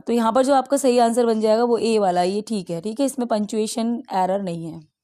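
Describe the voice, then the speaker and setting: A woman with an Indian accent teaching an exam-prep English lesson. She reads each practice question slowly in English, then explains it in Hindi mixed with English. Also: mid-range voice, dark tone.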